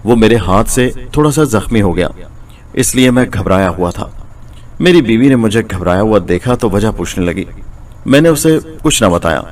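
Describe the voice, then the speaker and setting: A man voicing a nervous, quick-tempered village potter in a storybook tale. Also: on the low side, expressive, a little mellow, close to an everyday voice. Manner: evasive then angry.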